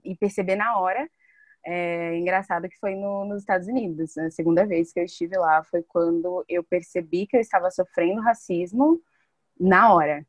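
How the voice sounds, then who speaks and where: Young woman, twenties, low voice, dry close sound, hesitant fillers. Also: normal speed, dry recording. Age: 20s. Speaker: interviewee, education student. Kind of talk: testimony interview.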